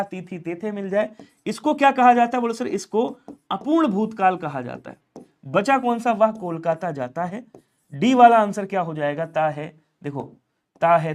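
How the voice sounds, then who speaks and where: A man teaching an online exam-prep Hindi class, firing questions and answering them himself in call-and-response. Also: high-pitched.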